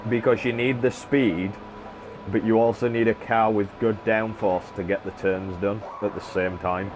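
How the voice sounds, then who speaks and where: A man's voice: on the low side, normal speed, over music, low-quality recording. A man chatting casually as a gaming streamer during a racing game, rambling with many filler sounds. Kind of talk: casual chat while playing a racing game. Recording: steady background noise.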